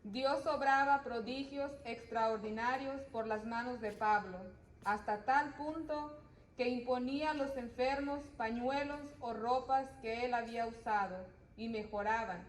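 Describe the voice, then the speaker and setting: A woman reading a Bible passage aloud to a church group in a steady, careful way. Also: on the high side, unhurried. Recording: echoey room, faint noise.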